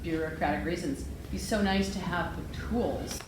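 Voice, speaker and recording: A woman's voice: on the low side, moderate pace. Sympathetic woman, echoey noisy room. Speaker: audience member or judge offering a suggestion. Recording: echoey room with clear background noise.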